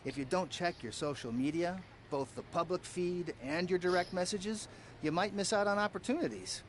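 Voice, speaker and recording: A man's voice: high voice, moderate pace, a little hiss or hum, lightly acted. A man playing a helpful older cameraman. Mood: advising. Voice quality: calm, explaining patiently. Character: friendly veteran male cameraman, helpful mentor. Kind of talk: video game dialogue.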